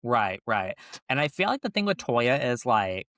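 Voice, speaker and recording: A man co-hosting a casual podcast, talking in a bright, forceful voice. His speech is loose and rambling, full of restarts and quick laughs. The sound is dry and close to the mic. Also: mid-range voice, big pitch swings, dry recording. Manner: chatty, with frequent restarts and laughs. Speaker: podcast co-host. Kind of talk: casual chat.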